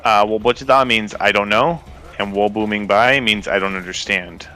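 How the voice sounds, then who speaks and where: A man's voice: fairly low pitch, normal speed, pushed and bright, soft background music. A man co-hosting a casual gaming podcast, talking in a laid-back, rambling way and laughing often. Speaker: podcast co-host.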